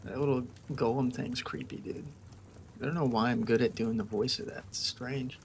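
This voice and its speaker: A man's voice: medium pitch, fairly even intonation, normal speed, slight background noise. A man streaming live from home, giving casual, hyped-up commentary on his trades. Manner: hyped, cheering the market on.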